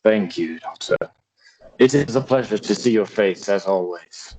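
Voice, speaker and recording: A weary old lord and general, as a man puts him on, fatherly and formal, with a lowish voice. His British accent wobbles and slides into Scottish. He speaks slowly, in old-fashioned phrases. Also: crowd noise, low-quality recording.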